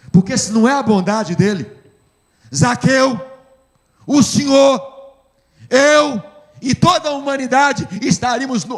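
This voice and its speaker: A man with a Brazilian accent preaching a sermon as pastor, telling an emotional story with emphasis. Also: very high voice. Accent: Brazilian Portuguese. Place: church. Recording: echoey church hall.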